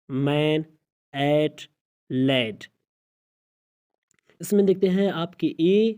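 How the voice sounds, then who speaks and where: Male teacher, mellow and warm, patient step-by-step explaining, drawing out each sound. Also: a little high. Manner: patient and explanatory, repeating sounds slowly one by one. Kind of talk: online lesson in English pronunciation.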